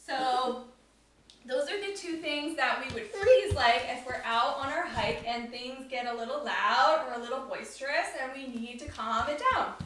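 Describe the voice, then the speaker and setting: A woman's voice: high-pitched, moderate pace, fairly bright tone, heavy reverb, far from the mic, a little hiss or hum, poor audio. A woman leading a family yoga class, upbeat and instructive as she talks children through the poses. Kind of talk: guided kids yoga class.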